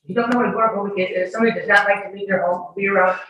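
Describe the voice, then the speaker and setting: A woman giving witness testimony races through her answers, emphatic and defensive, in a steady, medium-pitched, slightly bright voice. The courtroom recording is muffled, echoey and distant, with faint noise.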